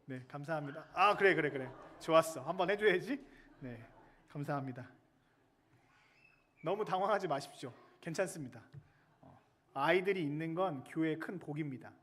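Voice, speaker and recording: A male military chaplain preaching a sermon in a lively, chatty way, joking with the children in the pews. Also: a little high, moderate pace.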